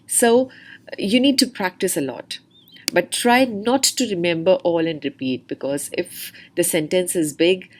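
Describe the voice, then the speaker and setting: A woman's voice: on the low side, darkish tone. A woman tutor giving a spoken lesson on exam speaking tips, explaining step by step and reading example sentences aloud with different words stressed.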